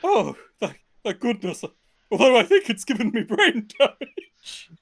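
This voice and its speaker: Hapless, whiny talking fish for a tabletop game, played by a woman: high, drawn-out, theatrical wailing. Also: big pitch swings, husky, exaggerated voice. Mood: dazed. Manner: melodramatic, exclaiming and wailing. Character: hapless forgetful cursed koi fish, whiny and dramatic. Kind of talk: tabletop role-play.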